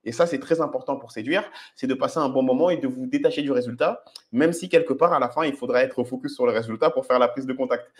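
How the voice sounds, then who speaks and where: Man, dating coach, fast-paced, direct, instructive. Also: mid-range voice. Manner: direct, instructive, sprinkles "ok?" checks. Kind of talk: commenting on his own street footage.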